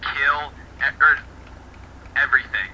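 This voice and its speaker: A man's voice: medium pitch, slow, sharp tone, lo-fi sound. A young man chatting casually over voice chat while gaming, laid-back and blunt. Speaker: gaming partner. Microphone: voice chat mic. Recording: noisy voice chat audio.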